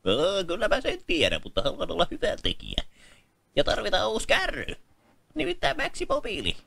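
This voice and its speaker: Hessu, a high, goofy cartoon dad. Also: male voice, huge pitch swings, gravelly, bright, forceful tone, no echo, exaggerated voice. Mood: earnest, chatty. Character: goofy, well-meaning, chatty cartoon dad. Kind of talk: amateur comedy cartoon dub.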